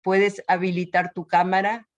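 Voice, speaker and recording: A woman's voice: on the low side, flat delivery, moderate pace. A woman moderating an online event, introducing speakers with hesitant filler sounds.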